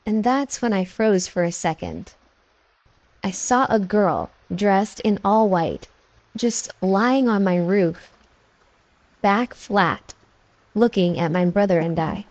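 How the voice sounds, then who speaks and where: A woman narrating scary stories from a script, with steady, measured storytelling. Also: mid-range voice, dry recording, low-quality recording.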